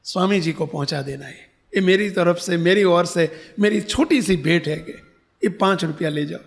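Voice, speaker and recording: A man's voice: sits high, moderate pace, creaky. In a sermon story, a humble, devout old woman calls out and pleads in broken Hindi, as a man puts her on. Her talk is plain and earnest. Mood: pleading.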